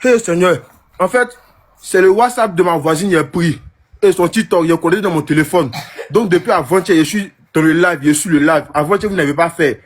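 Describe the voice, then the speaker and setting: A man's voice: high-pitched, brisk. A young man with an Ivorian French accent calling in, moved and pleading, repeating himself and stumbling over words. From Côte d'Ivoire. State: emotional, moved. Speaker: caller. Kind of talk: emotional call-in plea.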